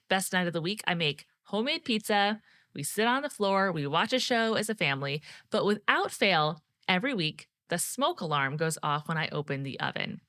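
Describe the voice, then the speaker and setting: A woman in her thirties hosts a leadership podcast, speaking to listeners as friends. Her voice sits a little low yet sounds bright and forward. The recording is close and dry. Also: no echo. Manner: warm direct coaching, speaks to the listener as friend. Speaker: podcast host and leadership coach. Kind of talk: scripted solo podcast teaching.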